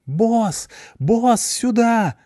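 A man's voice: very high-pitched, lively intonation, drawn-out words, dark tone, dry recording, studio quality, voice pushed up, heavily acted. A man doing an eager young sidekick girl.

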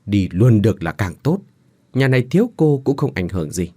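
A man's voice: lowish voice, big pitch swings, fairly quick, dark tone, no echo, clean studio sound. A man voicing a cold, uncaring husband who speaks dismissively.

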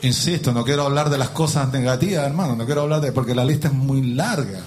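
A man's voice: medium pitch, fast, darkish tone. A male pastor preaching a sermon in a church, reading scripture and asking the congregation rhetorical questions. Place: church with pews.

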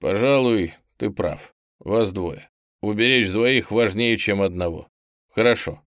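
A man voicing a stern physics teacher, low and dry. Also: a little slow, fairly bright tone, dry recording. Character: stern adult male physics teacher, decisive.

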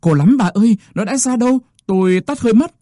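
A man's voice: medium pitch, brisk, dark tone, dry recording, clean studio sound, natural voice. A man voicing a young peasant wife in painful childbirth, wailing and pleading in a strained voice.

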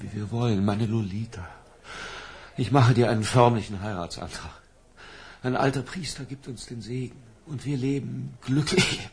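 An actor playing a lovesick middle-aged professor in a radio drama, hesitant, pleading and given to theatrical declaiming. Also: male voice, mid-range voice, natural voice. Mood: declaiming, rapturous. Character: lovesick, feverish older professor, pleading and florid.

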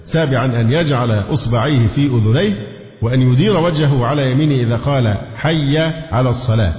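A man's voice: medium pitch, fast talker, a little mellow. Egyptian man, religious teacher, explains and quizzes the class, demonstrates recitations, roomy hall, dull lo-fi sound. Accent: Egyptian Arabic. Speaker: Islamic scholar teaching. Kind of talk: religious lesson. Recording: echoey lo-fi hall recording.

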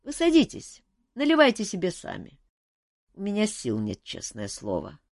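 A woman's voice: mid-range voice, wildly swooping pitch, normal speed, darkish tone, no room sound, voice pushed up. A woman voicing a tired, joking male court jester who mocks himself and others in a dry room. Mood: wry, weary. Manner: wry, self-mocking banter.

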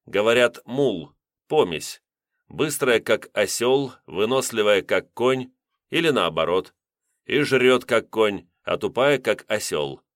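A man reading a first-person fantasy audiobook in a measured, dramatic way. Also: fairly low pitch, animated, no echo, clean studio sound. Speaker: audiobook narrator.

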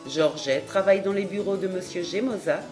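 A woman narrating a novel in a steady, measured way. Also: lowish voice, faint music behind. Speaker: audiobook narrator.

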